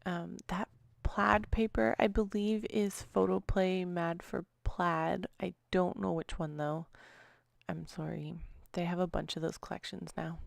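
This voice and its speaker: A woman's voice: fairly low pitch, steady tone, measured pace, creaky, dry recording, studio quality. A woman narrating her own crafting video in a casual, chatty voice-over, often apologizing and trailing off with small laughs. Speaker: scrapbooking vlogger.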